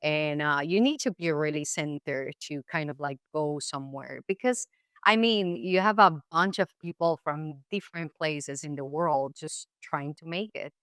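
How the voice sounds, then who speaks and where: A Colombian actress whose first language is Spanish speaks English with a Colombian accent as a guest in a casual interview, reflecting aloud with lots of fillers and restarts. Her deep, slightly bright voice is clear and resonant at a moderate pace. The studio-quality recording has no room sound.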